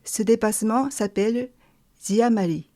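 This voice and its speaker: A woman teaching a lesson, explaining calmly and carefully step by step. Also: a little high, measured pace. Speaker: language teacher. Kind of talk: slow explanatory lesson narration.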